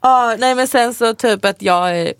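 A woman's voice: on the high side, dry recording, clean studio sound. A young woman co-hosting a podcast in casual chat. She laughs often and trails off into fillers. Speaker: podcast co-host.

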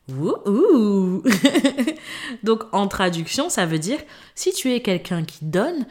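A woman hosting a podcast, talking casually and directly to the listener and repeating words for emphasis. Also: medium pitch. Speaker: podcast host. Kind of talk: casual advice monologue.

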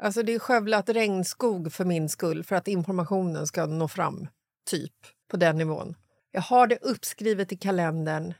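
A woman hosting a podcast in casual chat, an animated storyteller who acts out dialogue and swears freely. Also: fairly low pitch, no echo, clean studio sound. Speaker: podcast host.

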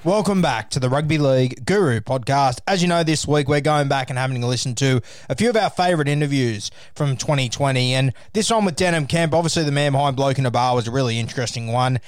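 An Australian man hosting a podcast in casual talk, with a monotone delivery. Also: medium pitch, fast talker, hardly any pauses, dry recording, studio quality, faint music behind. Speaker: podcast host.

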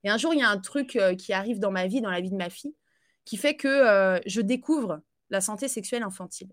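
A woman guest on a podcast, talking casually about her life in a halting way full of fillers and restarts, and laughing easily. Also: medium pitch. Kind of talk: casual conversational interview.

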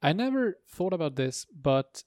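A man's voice: fairly high pitch, very animated, moderate pace, a little mellow, dry recording. A man co-hosting a casual tech podcast, talking in brief, dry remarks. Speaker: podcast co-host.

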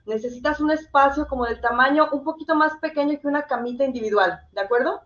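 A woman with a high voice talks as a guest, explaining step by step in a conversational way. She speaks directly to the host, and the sound is a little dull and lo-fi. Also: fast. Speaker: interview guest and campaigner.

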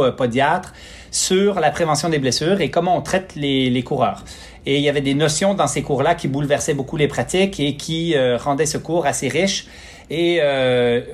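A middle-aged man with a Québécois accent, telling his story as an interview guest in a rambling, filler-heavy way. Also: medium pitch. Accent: Québécois French. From Quebec, Canada. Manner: rambling, many fillers and restarts, self-deprecating. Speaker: guest, physiotherapist and clinic founder.

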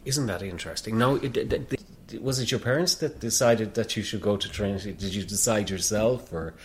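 Lowish-voiced man interviewing over background noise. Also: fairly quick. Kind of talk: conversational interview.

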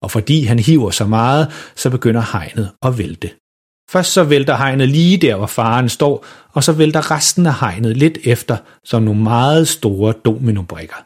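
Slightly husky male storyteller. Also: medium pitch, animated. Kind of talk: children's story reading.

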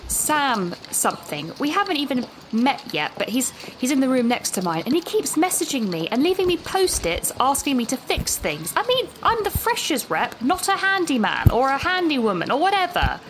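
Her high, sing-song voice moves at a moderate pace with few pauses as the actress portrays an anxious, talkative young British university student. The character is out of breath, rambling and self-interrupting, leaving a voice note while walking outdoors amid a noisy background in this audio drama.

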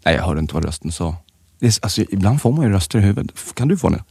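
A man co-hosting a podcast, telling stories in a joking, animated way. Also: deep voice, vocal fry, slightly rough, no echo, clean studio sound. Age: adult with children. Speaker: podcast co-host. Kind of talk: casual podcast chat.

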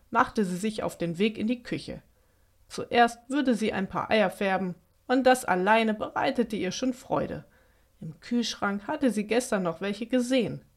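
A woman telling a children's story in a gentle, expressive way. Her voice sits in a mid range and her delivery is steady and clear. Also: mid-range voice. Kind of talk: children's story read aloud.

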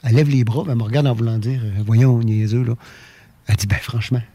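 Gravelly Québécois man telling a story. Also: medium pitch, fast, a little hiss or hum. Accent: Québécois French. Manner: animated, repeats words, many fillers. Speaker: guest telling an experience. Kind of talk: casual storytelling.

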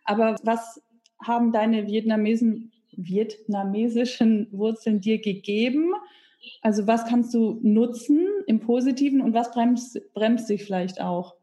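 Mellow-voiced woman interviewer, attentive. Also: on the high side, steady tone, unhurried. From Germany. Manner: attentive, with frequent short affirmations. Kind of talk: conversational interview.

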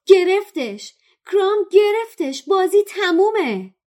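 A woman reading aloud, voicing an excited teenage boy wizard who shouts in breathless excitement during a match. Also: very high voice, voice pushed up. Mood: shouting excitedly. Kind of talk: audiobook reading with voices.

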